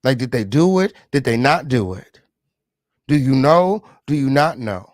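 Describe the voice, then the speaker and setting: A man's voice: mid-range voice, big pitch swings, measured pace, no room sound, clean studio sound. A man hosting a profane exposé vlog in a smug, sarcastic, slangy manner, repeating phrases for emphasis. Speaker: online commentary channel host. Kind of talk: profane exposé commentary to viewers.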